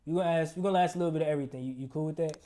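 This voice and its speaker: A man's voice: fairly high pitch, very fast, mellow. A man hosting a casual interview in a recording studio, asking easygoing, loose questions. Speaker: interview host.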